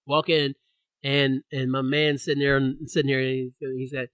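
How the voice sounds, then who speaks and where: A young man hosting a podcast, telling a story in a lively, ranting way. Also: mid-range voice, normal speed, no echo. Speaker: podcast host. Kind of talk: casual chat.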